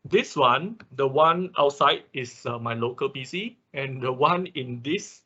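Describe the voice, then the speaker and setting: A man teaches an online class through an informal, step-by-step technical tutorial, frequently adding short check-in tags. His mid-range voice is a little slow, pushed, bright and slightly rough, and the class computer microphone sounds dull.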